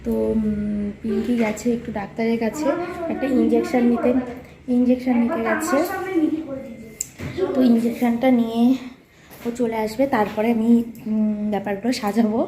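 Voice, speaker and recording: Crowd noise sits behind this young woman's fairly high, steady voice as she narrates her day at home at a moderate pace, pausing often. Filming on a handheld phone camera, she speaks casually and directly to her viewers, using many fillers.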